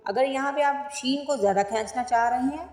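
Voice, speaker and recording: A woman teaching Quran tajweed word by word, explaining each rule plainly and then reciting the words slowly with long drawn-out vowels. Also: high voice, darkish tone. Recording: echoey room with long reverb.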